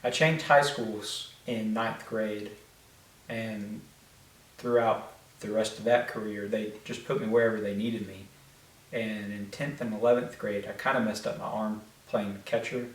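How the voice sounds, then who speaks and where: A young man co-hosting a casual vlog, his lowish voice halting and restarting as he talks. He is a bit far from the mic, and the room echoes around him. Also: fairly even intonation. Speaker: vlog co-host. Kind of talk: casual chat.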